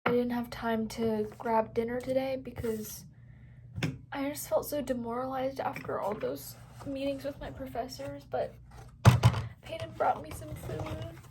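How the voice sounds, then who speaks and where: High-voiced young woman vlogging candidly. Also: steady tone, a little slow, recorded from a distance, noisy background. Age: young adult. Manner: candid, swearing, emotional swings. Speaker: vlogger, college student. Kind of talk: casual confessional vlog.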